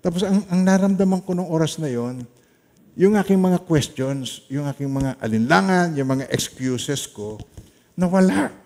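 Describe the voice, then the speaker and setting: A middle-aged man with a Filipino accent, preaching a sermon in a storytelling way and mixing in English phrases, his volume swinging from loud emphasis to quiet trailing lines. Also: fairly high pitch, animated, moderate pace. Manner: mixes Tagalog with English, storytelling, soft-spoken asides. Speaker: pastor.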